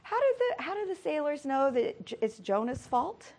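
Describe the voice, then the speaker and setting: A woman's voice: sits high, very animated, moderate pace, a little mellow. A woman teaching a Bible study class, quizzing her students and laughing easily. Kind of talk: classroom Bible lesson with questions.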